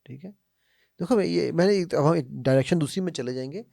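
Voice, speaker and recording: A man's voice: a little high, gravelly, mellow, no room sound, studio quality. A man giving an emphatic self-help talk on faith, often checking with "right?" and asking rhetorical questions, mixing English phrases into his speech. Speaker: motivational speaker.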